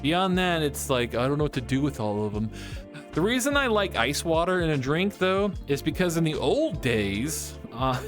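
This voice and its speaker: A man chatting casually on a live stream, reading chat and giggling often as he rambles. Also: a little high.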